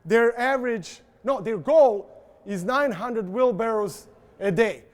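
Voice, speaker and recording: A man's voice: very high voice, slow pace. A man presenting at an industry event, speaking informally and joking with the audience. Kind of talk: conference presentation.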